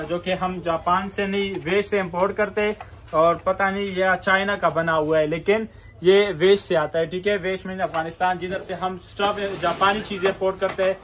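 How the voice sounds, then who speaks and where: A man's voice: high-pitched, fairly bright tone, slight background noise. A young man selling and demonstrating a portable gas stove in his shop, talking in a casual salesy way and repeating "theek hai" to close each point. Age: young adult. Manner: salesy, says "theek hai" after nearly every point. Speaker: shop seller demonstrating products. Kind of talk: casual product demo. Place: indoor electronics shop storeroom.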